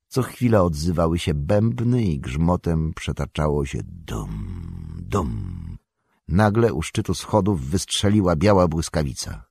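A man reading an epic fantasy audiobook with dramatic, measured storytelling. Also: a bass voice, darkish tone, slightly rough, no echo, studio quality. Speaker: audiobook narrator. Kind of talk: scripted narration.

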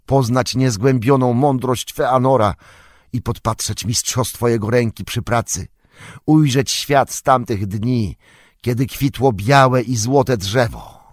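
A man voicing a wise, stern old male wizard in an audiobook, explaining at length in a measured, grave way. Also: medium pitch, no room sound, clean studio sound. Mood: musing. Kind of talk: audiobook character reading.

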